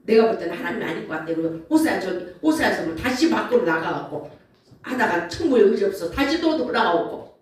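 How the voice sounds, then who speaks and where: A woman preacher giving an animated sermon and acting out grumbling prayers. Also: medium pitch, fast talker. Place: church sanctuary. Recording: echoey church hall from far off.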